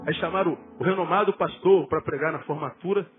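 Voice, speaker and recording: A man pastor with a Brazilian Portuguese accent, preaching a lively, humorous sermon and acting out little asides. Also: fairly high pitch, fairly quick. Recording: tinny phone-like sound with music behind.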